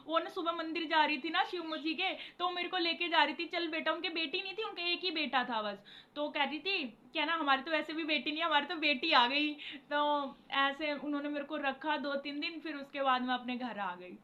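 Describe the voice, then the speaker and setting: A woman's voice: high voice, fairly even intonation, fairly quick, few pauses, bright, forceful tone, highs cut off. A young woman vlogger telling a personal story to camera in a rambling, emotional way, often repeating herself and calling her viewers guys.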